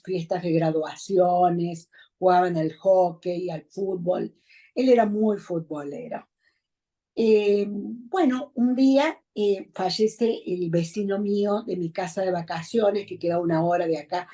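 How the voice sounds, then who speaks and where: A middle-aged woman from Argentina with an Argentine accent, recounting her personal story as a mother in a testimonial interview, in a measured, reflective way with many pauses. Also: fairly low pitch, warm tone. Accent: Argentine Spanish. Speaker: bereaved mother giving testimony.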